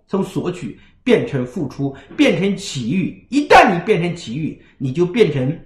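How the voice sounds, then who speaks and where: A man giving a parenting lecture on a livestream, often checking in with his listeners with "right?". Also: a little high. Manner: animated, keeps asking the audience "right?". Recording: roomy echo.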